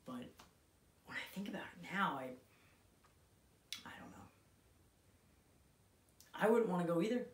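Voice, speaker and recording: Slow, brooding young man acted in dramatic monologue. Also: sits high, animated, a little hiss or hum. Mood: quiet, regretful, then agitated, defiant. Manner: halting, brooding, swinging from hushed to forceful. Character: grieving, bitter young man recalling his dying father. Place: small room indoors, on a couch. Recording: roomy indoor echo.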